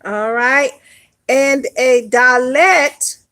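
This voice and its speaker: A woman's voice: sits high, drawn-out words, bright, forceful tone. A woman teaching an online Hebrew lesson, explaining step by step and often checking in with "all right?".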